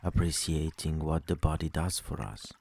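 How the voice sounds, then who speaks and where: A man guides a sleep meditation in a very deep, dark, relaxed and creaky voice. He speaks slowly and soothingly, with long gaps between phrases, while faint trickling-water noise runs in the background.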